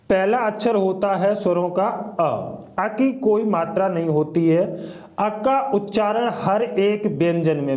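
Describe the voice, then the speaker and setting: Slow, echoey Hindi teacher man. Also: high voice, darkish tone, muffled recording. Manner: repeats each sound, asks and answers himself. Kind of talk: slow children's Hindi lesson. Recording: echoey room.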